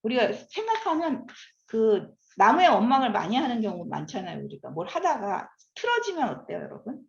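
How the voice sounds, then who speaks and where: A woman's voice: on the high side, normal speed, gravelly. A woman in her fifties giving a lecture, often asking the audience questions. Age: 50s. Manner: animated, asks the audience questions. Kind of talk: classroom lecture. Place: lecture room. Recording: echoey room, slightly dull sound.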